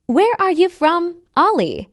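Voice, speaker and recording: A woman reading a friendly learner's part in a scripted practice dialogue for English learners, speaking slowly and carefully enunciating each line. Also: extremely high pitch, wildly swooping pitch, dry recording, clean studio sound, full character voice. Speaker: dialogue reader.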